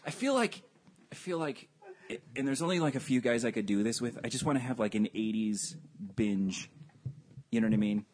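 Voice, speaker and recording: A man in a casual late-night chat about movies who talks in an animated way, stumbling and repeating his words. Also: medium pitch, normal speed.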